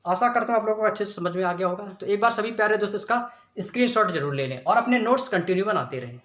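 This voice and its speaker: A man's voice: sits high, expressive, quick pace, fairly bright tone, roomy sound. A male teacher giving an exam-prep lesson, asking the class a question and then answering it himself, calling his viewers friends again and again.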